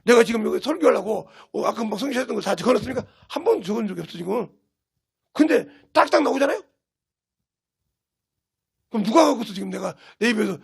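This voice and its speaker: A male pastor preaching a fervent, scolding sermon that often bursts into shouts. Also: extremely high pitch, vocal fry, husky. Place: church, livestreamed service.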